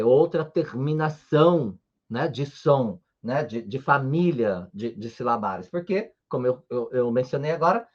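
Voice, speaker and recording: A man's voice: a little high, muffled recording. A man teaching a live-streamed language lesson, explaining patiently, checking in often with his viewers, and chanting rows of syllables in a sing-song way. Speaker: Japanese teacher.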